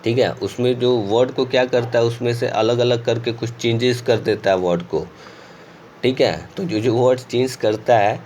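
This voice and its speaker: Indian male teacher explaining grammar slowly. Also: medium pitch, steady tone, darkish tone, slight background noise. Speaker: school English teacher. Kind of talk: screen-recorded grammar lesson.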